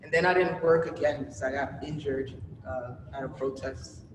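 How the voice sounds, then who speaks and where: A woman's voice: a bass voice, steady tone, moderate pace, noisy background. A woman from New York, an exhibiting artist, talking loosely about her work, with a lot of filler words. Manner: loose, rambling, heavy with fillers. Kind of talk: casual gallery talk. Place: art gallery, indoors. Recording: echoey hall from far off.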